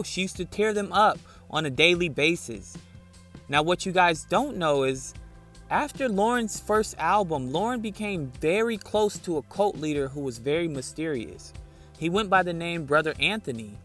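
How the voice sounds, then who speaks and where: A man hosting an online channel, narrating commentary in a steady, assertive way to his viewers. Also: high voice. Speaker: channel host.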